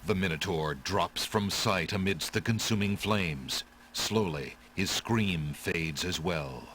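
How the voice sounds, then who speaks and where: A man narrating a fantasy adventure game as a solemn storyteller, in a measured, dramatic way. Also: sits low, fairly bright tone, slight background noise. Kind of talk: scripted video game narration. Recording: game audio under music.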